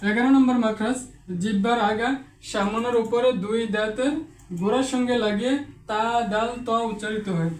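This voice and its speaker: A man's voice: extremely high pitch, steady tone, normal speed, echoey room, far from the mic. A man teaching Quran pronunciation step by step, patiently saying each letter sound again and again as a drill.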